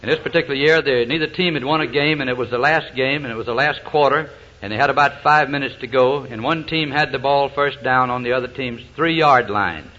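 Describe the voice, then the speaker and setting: A man's voice: mid-range voice, a little fast, pushed and bright. A man, speaking from a platform at a recovery meeting, telling his story in a folksy way with a lot of hesitations. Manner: folksy storyteller, frequent uh's. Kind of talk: personal testimony talk with jokes. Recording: dull lo-fi recording.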